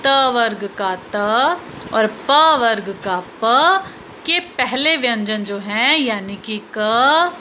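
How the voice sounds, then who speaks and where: Woman teacher, high voice, very slow and deliberate, spells out each sound, faint hiss behind. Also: animated, pushed and bright. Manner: spells out each sound slowly, repeating examples. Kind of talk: slow, careful grammar lesson.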